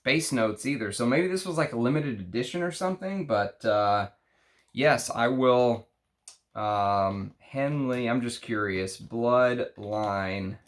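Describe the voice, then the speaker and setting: A man with a Texas accent chatting unscripted through an unboxing, halting and thinking aloud as he reads out names. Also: medium pitch. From Texas, United States. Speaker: fragrance review show host. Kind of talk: unscripted unboxing chat, reading out names and notes.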